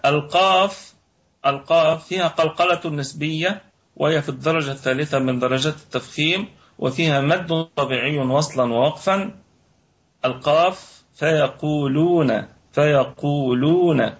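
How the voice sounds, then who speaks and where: Male tajweed teacher from Egypt, somewhat high voice, measured delivery, dull lo-fi chat-room sound. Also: fairly bright tone. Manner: measured, repeats words to demonstrate pronunciation. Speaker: Quran recitation teacher. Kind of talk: tajweed lesson, slow explanation. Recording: lo-fi online voice chat audio.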